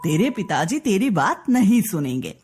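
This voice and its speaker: A woman's voice: mid-range voice, very animated, normal speed, a little mellow, faint music behind, voice pushed down, close to an everyday voice. A woman voicing a greedy, scheming stepmother who snaps harsh threats and turns sugary sweet when it suits her. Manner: snapping threats, then sugary fake sweetness. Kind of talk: storybook character acting.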